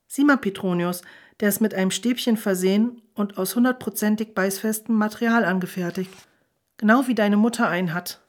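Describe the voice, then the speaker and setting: A woman reading a brisk, impatient reformer from a storybook who pushes her point insistently. her voice sits at an ordinary height. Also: mid-range voice, lightly acted. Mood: explaining.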